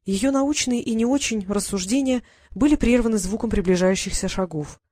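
A woman reading a children's novel aloud as a lively, expressive narrator. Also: fairly high pitch, moderate pace, dry recording, studio quality. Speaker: audiobook narrator. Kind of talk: scripted narration.

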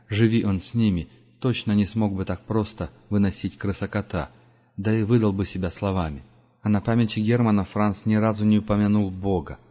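A man reads a story aloud in a measured, steady way, his voice sitting fairly low. The recording sounds dull and lo-fi. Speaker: audiobook narrator. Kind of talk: scripted narration.

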